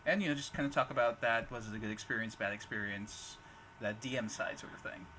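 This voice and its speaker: A man's voice: on the low side, rough recording. Laid-back man co-hosting over noise. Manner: relaxed, laughs often, halting questions. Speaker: podcast co-host. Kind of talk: casual chat.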